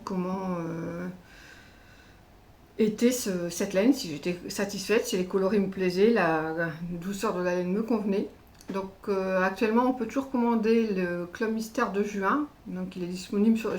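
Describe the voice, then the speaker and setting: A woman's voice: medium pitch, slight background noise. A woman with a French accent hosting a casual craft unboxing vlog, chatty and hesitant, with many fillers. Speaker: craft channel host.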